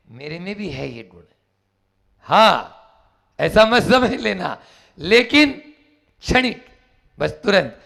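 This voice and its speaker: A preaching monk with a high, gravelly voice delivering a sermon at a jail gathering. He talks slowly and deliberately, turning storytelling into lively swings from loud emphasis to soft asides. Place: jail gathering, partly outdoors. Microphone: camera recording.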